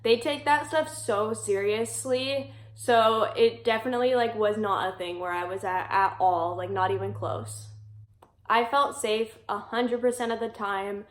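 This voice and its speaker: A woman in her twenties chatting casually to camera in a vlog, filling her talk with "like" and quick laughs. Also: on the high side, roomy sound. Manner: chatty, peppered with "like", frequent laughs. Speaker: vlogger. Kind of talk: casual talking-head vlog.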